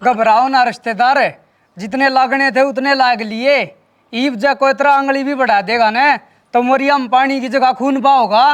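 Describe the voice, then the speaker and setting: A man's voice: very high voice, steady tone, moderate pace, a bit bright. A man with a Haryanvi accent playing a blunt, scheming brother-in-law who coaxes and threatens in a village comedy. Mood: coaxing, threatening. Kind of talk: village comedy sketch acting.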